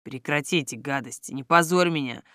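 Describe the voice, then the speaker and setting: A woman reading an audiobook, voicing a stern, grumpy young man in a low, gruff tone. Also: brisk, a bit bright, no room sound, clean studio sound. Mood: scandalized.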